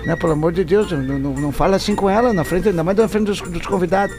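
A man playing an embarrassed husband who pleads in a low, hushed voice. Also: rapid-fire, faint music behind, natural voice. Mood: pleading.

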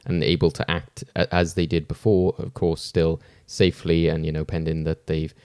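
A man's voice: rumbling low, flat delivery, moderate pace, darkish tone, clear, resonant tone, no room sound, studio quality. A man hosting a podcast in an informal, rambling, chatty way. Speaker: podcast host. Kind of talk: casual hosting chat.

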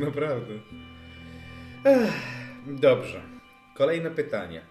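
A man's voice: mid-range voice, big pitch swings, very slow, a little mellow. A man co-hosting a casual chat podcast, teasing, sarcastic and swearing often. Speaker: podcast co-host. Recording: echoey room with music underneath.

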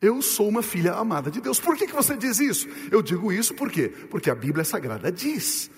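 A male pastor preaching a sermon, asking the congregation rhetorical questions and slowing down and dropping low to stress his points. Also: sing-song, creaky, long reverb tail.

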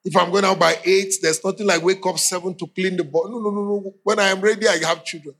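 A man's voice: high voice, fairly even intonation, fast talker, fairly bright tone. A middle-aged Nigerian man preaching a humorous sermon, laughing often and acting out voices in his stories. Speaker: pastor.

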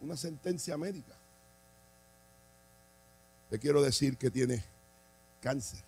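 Gravelly-voiced impassioned preacher man. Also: mid-range voice, slow, slight background noise, rough recording. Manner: impassioned, swings from quiet to shouting. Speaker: bishop and pastor. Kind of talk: preaching a sermon.

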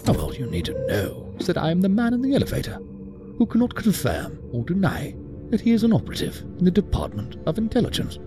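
A man's voice: sits high, huge pitch swings, brisk, over music, heavily acted. An actor playing a cryptic, coolly condescending male intelligence operative in a science fiction audio drama, with stilted, pedantic, precise diction. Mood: guarded, formal.

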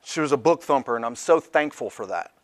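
A man's voice: medium pitch, expressive, fairly quick, no room sound. A man telling his recovery story at a twelve-step meeting in a candid, blunt, conversational way. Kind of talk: personal testimony talk.

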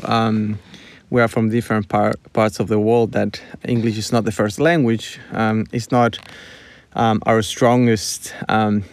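Halting, playful Spanish-speaking Chilean man. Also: fairly low pitch, flat delivery, dry recording. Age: 30s. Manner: halting, repeats words, playful. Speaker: podcast co-host. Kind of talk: casual chat.

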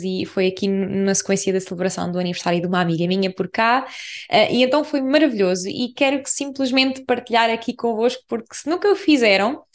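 A woman with a European Portuguese accent, hosting a personal podcast and musing in a hesitant, gentle way, often pausing to find her words. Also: medium pitch. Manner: hesitant, many fillers and restarts, gentle and encouraging. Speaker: podcast host. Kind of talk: personal reflective podcast monologue.

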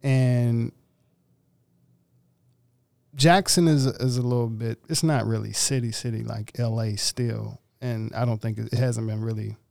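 A man from Mississippi talks casually as a guest, unhurried and halting, often circling back to restart a thought. His voice has a gravelly, fry-edged texture. The sound is close and dry. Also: mid-range voice, fairly even intonation, darkish tone, no room sound. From Mississippi, USA. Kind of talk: casual chat.

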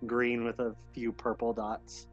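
A man playing a tabletop game, talking in a halting way with many fillers and stammered restarts. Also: mid-range voice, monotone, dull audio, faint music behind. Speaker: player. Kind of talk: casual tabletop role-play.

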